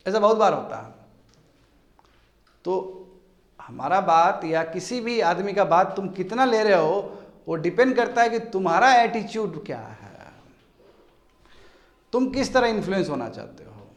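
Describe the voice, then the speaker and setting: High-voiced man lecturing a class. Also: unhurried, pauses often. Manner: animated, asks students rhetorical questions. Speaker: teacher. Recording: echoey classroom.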